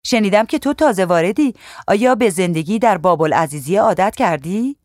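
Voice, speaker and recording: A woman's voice: medium pitch, expressive, a little mellow, dry recording, clean studio sound, natural voice. A reader voicing a blunt, talkative young policewoman who complains outspokenly, in an audiobook. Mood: griping. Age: young adult. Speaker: police officer.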